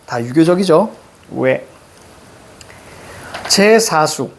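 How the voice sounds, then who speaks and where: A woman teacher giving a chatty classroom lecture, joking with students and reading old verse aloud slowly. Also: low voice, lively intonation, slight background noise. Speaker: Korean literature teacher.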